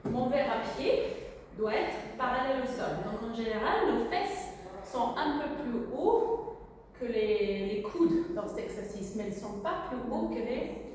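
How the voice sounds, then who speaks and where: A woman with a high voice leads a pilates class, calling out breaths and positions in brisk, unhurried commands with a teasing edge. Her voice carries across a very echoey studio, picked up from a distance over clear room noise. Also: lively intonation, a little mellow. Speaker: pilates instructor. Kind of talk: live class instruction.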